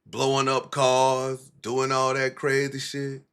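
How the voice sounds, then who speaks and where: A man's voice: mid-range voice, completely flat delivery, takes it slowly, a bit bright, clear, resonant tone. A man hosting a livestream, giving blunt, profane, mocking commentary in casual street talk.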